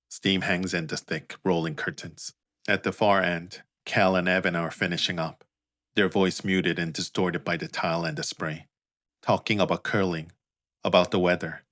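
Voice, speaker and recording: A man narrating his own audiobook in a steady, even reading. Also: low voice, no echo, clean studio sound. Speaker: author narrator.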